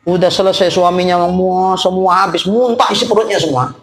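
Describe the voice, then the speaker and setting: A man giving a humorous wedding sermon, telling stories in an animated way. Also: high-pitched, brisk. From Medan, North Sumatra. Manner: storytelling, animated with acted-out voices. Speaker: preacher.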